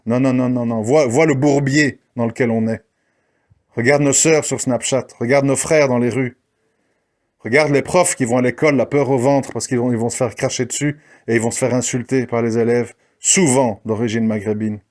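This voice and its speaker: A man's voice: medium pitch, fairly even intonation, normal speed, darkish tone. A man delivering a combative spoken monologue, challenging his listeners and mocking the people he criticizes. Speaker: commentator. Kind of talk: ranting monologue.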